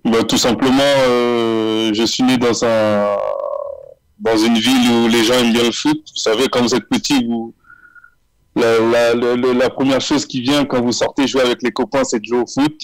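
A man in his thirties from France, a footballer, being interviewed over a video call with earphones, talking in a relaxed, measured way with many fillers. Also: mid-range voice, dry recording, low-quality recording. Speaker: guest, footballer. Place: small indoor room. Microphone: earphone headset on video call.

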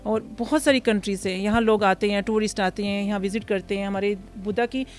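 A woman in her thirties from Pakistan, a restaurant founder answering interview questions outdoors into a handheld mic, pausing often with fillers. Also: medium pitch, fairly even intonation, soft background music. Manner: hesitant, many fillers, mixes English words. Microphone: handheld mic held by interviewer.

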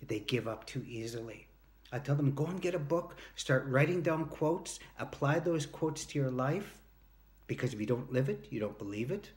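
A man in his early fifties, a motivational speaker and workshop leader, speaks at normal speed with a medium-pitched, expressive voice. He tells anecdotes straight to the camera in an earnest, emphatic way, acting out short quoted exchanges. He's indoors in a home room with a sloped ceiling, recorded on a phone or device held at arm's length.

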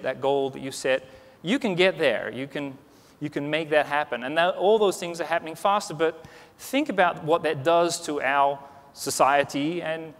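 A man in his forties gives a conversational keynote on a large conference stage, restarting often and saying "you know" a lot. His voice is a little high and a bit bright. The hall is reverberant.

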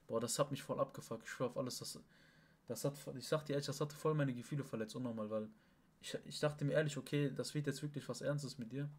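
A man's voice: medium pitch, steady tone, fast, breathy edge. A young man and stream host, rambling casually to a chat partner with speech, emphatic and full of oaths and restarts. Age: young adult. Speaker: livestream host.

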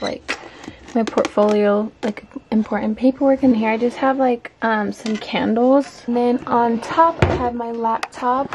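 Higher-voiced young woman vlogger, casual. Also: noisy background. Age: 20s. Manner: informal, rambling. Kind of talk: casual vlog chat.

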